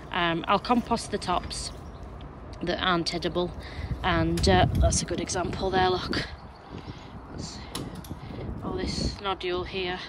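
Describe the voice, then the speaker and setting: A woman vlogging from her allotment outdoors, chatting casually as she shows her work. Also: fairly low pitch. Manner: chatty, explaining as she works. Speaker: gardening vlogger. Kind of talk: casual walk-through chat. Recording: noisy outdoor recording. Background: wind and a strimmer.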